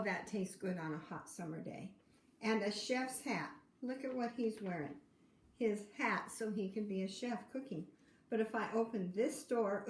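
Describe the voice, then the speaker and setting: A woman's voice: a little high, darkish tone. An older woman with a grandmotherly, encouraging manner reads a picture book aloud to young children, explaining simply and asking questions along the way. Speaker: storyteller reading to children. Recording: roomy echo, faint background noise.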